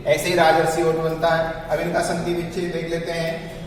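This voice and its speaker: A man teaching a grammar lesson, slowly repeating each example word and breaking it into parts. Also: a little high, completely flat delivery. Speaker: Sanskrit teacher. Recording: echoey room, mic far off, faint hum.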